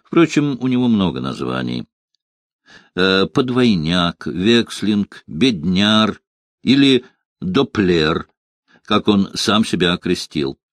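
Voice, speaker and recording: A man voicing a gruff, stern male monster hunter who speaks curtly and commandingly. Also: low voice, big pitch swings, slow pace, no echo, exaggerated voice. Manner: curt, commanding.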